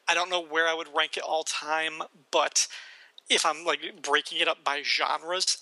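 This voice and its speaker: A man's voice: fairly high pitch, vocal fry, sharp tone, no room sound, low-quality recording. A man giving casual, opinionated film commentary as a podcast guest.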